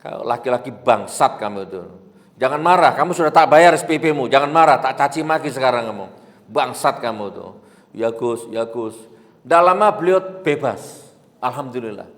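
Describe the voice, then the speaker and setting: A male preacher, telling stories in a sermon and swinging between loud exhortation and hushed asides. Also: mid-range voice, lively intonation, a little fast. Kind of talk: storytelling sermon. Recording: echoey hall with long reverb.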